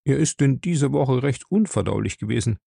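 A man voicing a nervous middle-aged clerk who confides in a hushed, anxious voice, reading an audiobook. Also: mid-range voice, lively intonation, a little fast, vocal fry, slightly rough, dry recording, studio quality, exaggerated voice. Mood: worried.

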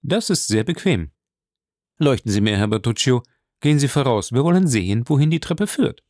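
A man's voice: mid-range voice, very animated, moderate pace, a little mellow, no echo, clean studio sound, lightly acted. A man doing Monte Cristo, imperious and ironic. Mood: commanding. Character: commanding, mocking male nobleman.

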